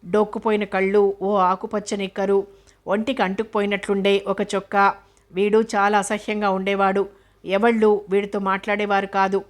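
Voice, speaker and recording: Flat-voiced woman reading a novel. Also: normal speed. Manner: even, steady reading with little pitch movement. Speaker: narrator.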